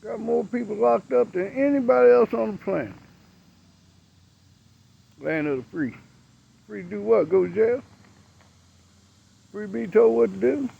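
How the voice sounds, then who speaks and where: A man's voice: high voice, lively intonation, measured pace, gravelly, long pauses, husky, narrow, tinny audio. A man, ranting bluntly and profanely to camera outdoors as a vlogger. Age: 60s.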